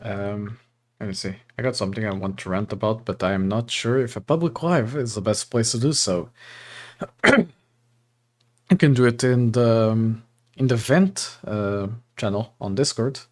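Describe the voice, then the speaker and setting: Speaking at a normal pace in a lowish voice, the Portuguese livestream host reads coding course text aloud and chats easily with his audience, breaking into laughter frequently. He is young, with an accent that is a mix and only partly Portuguese.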